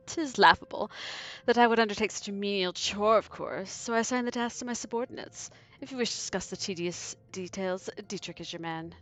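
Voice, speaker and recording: A woman's voice: mid-range voice, brisk, a bit bright, soft background music, natural voice. A woman voicing a haughty male alchemist guildmaster who speaks in pompous, old-fashioned phrases. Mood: condescending.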